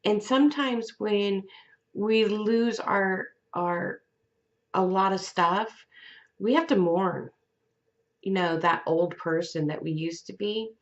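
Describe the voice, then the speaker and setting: A woman giving a weekly tarot reading in a gentle, unhurried way, with fillers and restarts. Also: medium pitch, muffled recording. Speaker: tarot reader.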